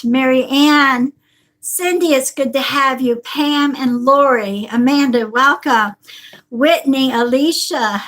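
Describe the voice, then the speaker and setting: A female psychic with a high, somewhat bright voice greets her live-stream viewers one at a time, calling them honey and sweetheart. She sounds a little stuffy from a cold. The low-quality audio comes from a device sitting on a table.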